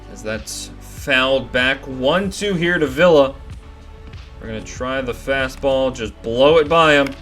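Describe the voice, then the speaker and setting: A young man giving play-by-play commentary over a baseball video game, getting excited on big plays. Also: mid-range voice, measured pace. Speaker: gaming commentator. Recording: faint music behind.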